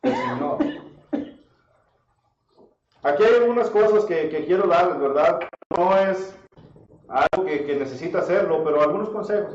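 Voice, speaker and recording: A high-pitched man preaches, throwing rhetorical questions at his congregation. He sounds distant from the mic, in a roomy church, on a dull recording with faint hiss. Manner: addresses listeners as brother, asks rhetorical questions. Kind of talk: sermon. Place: church hall. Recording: echoey church audio from far off, dull and slightly noisy.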